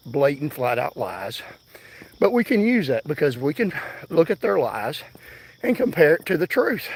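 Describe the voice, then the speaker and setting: Man, 60s, livestream host, breathless on the move outdoors, pushy preaching delivery, slightly high pitch. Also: slightly rough, dry recording. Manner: insistent, preaching to viewers. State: out of breath from jogging. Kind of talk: livestream commentary. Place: outdoors, on foot.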